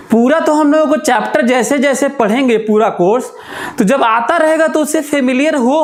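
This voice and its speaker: A man teaching physics, listing terms slowly and repeating himself, with moral asides. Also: very high-pitched. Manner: slow, repetitive, lists terms aloud, drifts into moral asides. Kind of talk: classroom lecture.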